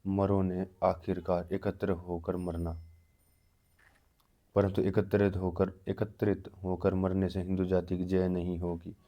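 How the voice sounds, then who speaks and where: A man's voice: low voice, completely flat delivery, measured pace, dull audio. A man reading aloud the lines of a scornful old woman who taunts captives. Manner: contemptuous, taunting.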